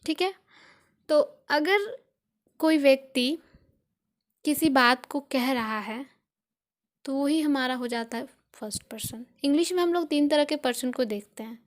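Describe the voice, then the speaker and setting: High-voiced Indian woman teaching grammar. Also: lively intonation, unhurried, long pauses. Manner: patient, repeats points with many examples. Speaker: English teacher. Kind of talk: explaining grammar in a video lesson.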